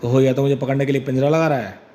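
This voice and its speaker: A man's voice: medium pitch, steady tone, racing, dark tone, natural voice. A man voicing Chunchu, a cheeky, clever young male mouse in a comic story, with a playful, teasing manner. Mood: scheming.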